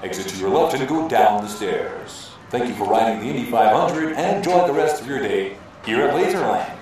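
A man voicing an adult male amusement-ride announcer who gives formal, polite safety announcements over an outdoor loudspeaker. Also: mid-range voice, lively intonation, fairly quick, a little hiss or hum. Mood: routine announcing. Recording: echoey, distant loudspeaker sound.

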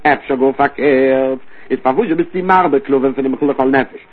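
A man teaching a Talmud study lesson with a rapid, rising and falling study cadence. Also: medium pitch, slightly rough. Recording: tinny phone-line recording.

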